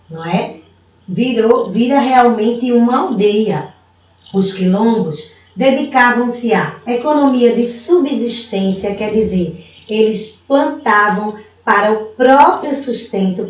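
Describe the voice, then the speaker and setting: Brazilian lady teacher talking slow to little kids, drawing out syllables, really echoey room, mic kinda far. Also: fairly high pitch. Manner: slow, patient, stretches out words and syllables; calls herself auntie, speaks warmly to young pupils. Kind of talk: recorded video lesson for children. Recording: roomy echo, voice away from the mic.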